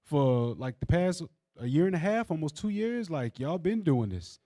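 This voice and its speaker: A man's voice: a little high, big pitch swings, normal speed, warm tone, dry recording, studio quality. A man speaks casually and heatedly in a group discussion, leaning on fillers. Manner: heated, uses y'all and fillers. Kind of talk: casual chat.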